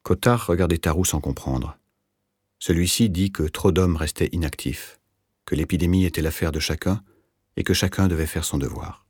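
A man narrating a literary novel in a measured, composed reading. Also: deep voice, a little mellow, husky, no echo, studio quality. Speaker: audiobook narrator.

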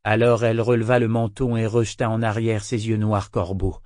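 A man narrating a fantasy novel in a steady, measured way. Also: on the low side, no echo, studio quality. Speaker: audiobook narrator. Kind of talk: dramatic audiobook narration.

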